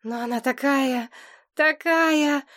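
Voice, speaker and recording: A naive, cheerful young male demon who rambles eagerly and sheepishly, as a woman voices him in an audiobook. His voice rides high above the reader's usual tone. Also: slow, fairly bright tone. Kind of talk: audiobook character reading.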